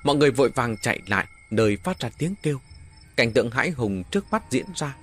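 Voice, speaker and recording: Male horror audiobook narrator, husky, animated, faint music bed. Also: medium pitch, a little fast. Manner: dramatic, varied delivery.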